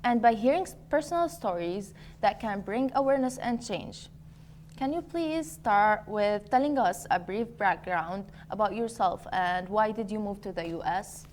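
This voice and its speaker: A woman's voice: mid-range voice, animated, moderate pace, a little mellow, a little hiss or hum. A young woman interviewing two guests, reading prepared questions and backing them up with short replies. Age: young adult. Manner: reads questions from a script, then backchannels often. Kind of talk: scripted interview.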